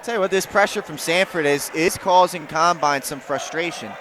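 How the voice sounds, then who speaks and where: A man giving color commentary on a live high school basketball game, breaking down strategy like a coach. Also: moderate pace, fairly bright tone, slight background noise. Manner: analytical, coaching-minded remarks.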